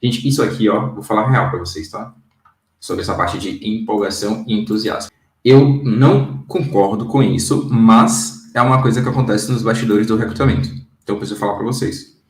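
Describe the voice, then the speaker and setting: A man's voice: lowish voice, a little fast, darkish tone. Man coaching in a roomy, distant sound. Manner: direct, conversational, checks in with listeners. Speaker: career coach. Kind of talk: casual video lesson.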